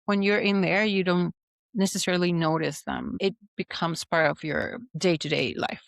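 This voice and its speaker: A woman in her forties from Venezuela, speaking English, chatting in a lively, expressive way as a podcast guest. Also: on the low side, normal speed, creaky, no echo. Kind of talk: storytelling in a podcast interview.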